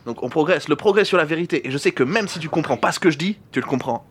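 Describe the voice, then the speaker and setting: A man runs a quiz round on a casual podcast, stalling on fillers. His voice sits a bit high, and he talks loosely like he is among friends. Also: expressive, quick pace, slightly rough. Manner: hesitant, full of fillers. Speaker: podcast co-host running a quiz.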